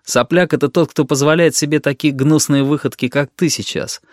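A man's voice: a little high, fairly even intonation, brisk, dry recording, lightly acted. Guy doing a stern pilot, firm and scolding, dry sound. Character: stern adult male pilot.

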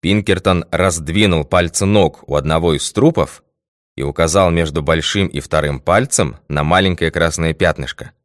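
Low-voiced man narrating an audiobook. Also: normal speed, dry recording, studio quality.

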